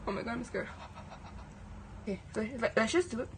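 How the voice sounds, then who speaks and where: A woman's voice: fairly high pitch, lively intonation, a little fast, gravelly, background noise. A woman vlogging casually as she nervously narrates her own haircut, with lots of exclamations and swearing.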